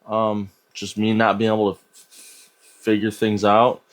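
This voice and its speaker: A man's voice: fairly low pitch, completely flat delivery, a little slow. A young man vlogging casually about 3D printing, rambling and hesitant with lots of filler words. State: hyped on an energy drink. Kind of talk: casual vlog talk.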